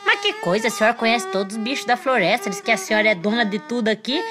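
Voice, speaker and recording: A woman voicing a clever, cheeky male monkey in a children's story, wheedling with drawn-out, mock-respectful words. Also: a little high, animated, music in the background, close to an everyday voice. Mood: teasing flattery.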